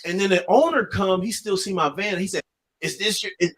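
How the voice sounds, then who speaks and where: Young male podcast co-host, high bright voice, very animated storyteller. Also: a little fast. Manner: animated, acts out voices in his stories. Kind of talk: casual storytelling banter.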